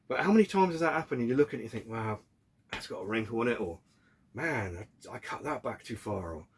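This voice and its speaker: British man with a cold-affected sore throat. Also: medium pitch. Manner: informal, hesitant, self-questioning. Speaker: hobby vlogger answering viewer questions. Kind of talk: casual rambling chat to camera.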